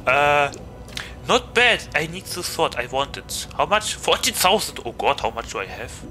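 A man's voice: a little high, very animated, normal speed, pushed and bright, soft background music. A man with a German accent streaming a game, chatting playfully and getting flustered easily. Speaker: VTuber streamer. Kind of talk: casual gaming stream chat.

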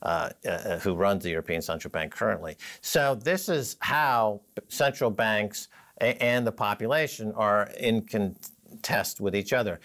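A man co-hosting a finance talk show, giving sardonic, emphatic commentary in a studio. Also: fairly bright tone. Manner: sardonic, emphatic, pitch swinging up and down.

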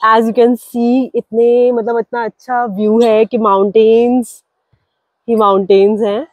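A woman's voice: on the high side, little pitch movement, slow pace, no room sound, phone-quality sound. A young woman in her twenties chatting upbeat in a travel vlog, filming herself outdoors at a hillside campsite on a handheld phone. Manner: chatty, upbeat, mixing English words into Hindi. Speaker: vlogger. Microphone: phone held at arm's length.

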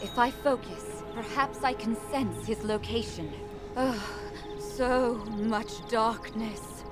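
A woman's voice: a little high, takes it slowly, over music. A woman voicing a solemn, gracious winged fairy leader in a video game, stately and grave. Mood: foreboding. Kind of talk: scripted video game character acting.

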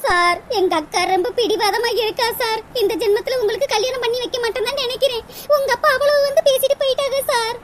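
A tearful lovesick girl, very high. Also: steady tone, quick pace. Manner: weepy, pleading. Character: young lovesick village woman, tearful and clingy. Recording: loud hiss over the voice.

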